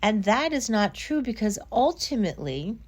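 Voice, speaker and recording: A middle-aged woman therapist calmly explaining self-blame through everyday examples, in a reflective podcast talk. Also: on the high side, moderate pace.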